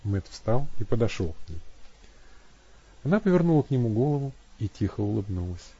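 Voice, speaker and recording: A man reading a novel aloud as narrator, in steady, even storytelling. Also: lowish voice, fairly quick, husky, lo-fi sound. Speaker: audiobook narrator. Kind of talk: scripted narration.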